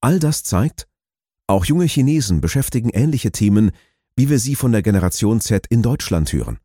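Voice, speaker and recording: A man giving scripted documentary narration in a measured, explanatory way. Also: on the low side, sing-song, warm tone, dry recording, studio quality.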